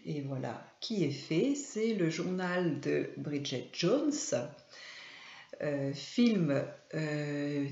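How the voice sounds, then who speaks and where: A woman hosting a casual video about films, talking hesitantly with frequent fillers and pauses. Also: low-pitched, a little mellow. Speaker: video host and trainer. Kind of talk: casual film commentary to camera. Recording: echoey room, slightly dull sound.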